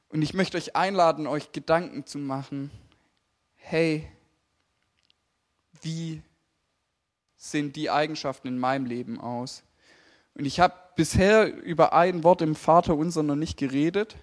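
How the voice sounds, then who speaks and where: Lively young male preacher. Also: fairly high pitch. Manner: lively, emphatic, talks to congregation directly. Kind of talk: sermon.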